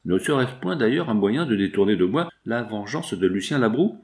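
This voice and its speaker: A man's voice: on the low side, expressive, normal speed, a little mellow. A man reading aloud and voicing a wealthy, guilt-ridden older father torn with anxiety. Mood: brooding. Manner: anxious, brooding.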